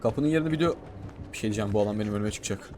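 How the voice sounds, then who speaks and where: A man commentating his own gameplay in a casual, excitable way, often shouting and talking to himself. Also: on the low side, rapid-fire. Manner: excitable, shouts and talks to himself while playing. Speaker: gaming streamer.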